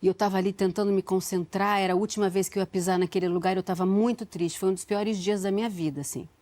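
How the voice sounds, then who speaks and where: A woman's voice: mid-range voice, fairly even intonation, quick pace, a little mellow. A woman in her forties, a talk show guest, telling a story earnestly with frequent restarts. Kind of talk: emotional storytelling.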